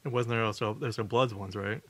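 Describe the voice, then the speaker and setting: A man's voice: fairly low pitch, steady tone, a little fast, fairly bright tone. A man co-hosting a podcast, chatting casually in short, laid-back remarks. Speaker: podcast co-host. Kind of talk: casual chat.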